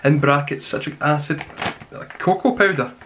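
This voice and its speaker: A man's voice: a little high, moderate pace. Young man chatting, noisy home recording. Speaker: snack reviewer. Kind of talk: casual chat review to camera. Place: small plain room indoors.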